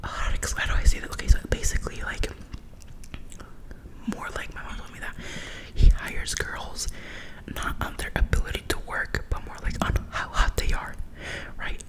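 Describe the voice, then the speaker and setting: A young woman whispering a chatty, gossipy ASMR storytime in casual slang, with animated and dramatic retelling. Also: moderate pace, pauses often, poor audio.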